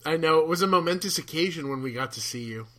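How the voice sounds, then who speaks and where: A man co-hosting a casual podcast, playful and jokey, quick to tease his co-host. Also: on the high side, expressive, a bit bright.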